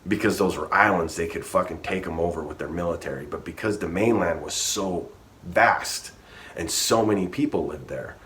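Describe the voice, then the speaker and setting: A low-pitched man tells a history story as a loose, profane rant. He stumbles and restarts, swearing as he goes, with a faint hiss of room noise under him. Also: moderate pace, fairly bright tone. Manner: rambling, profane, restarts often.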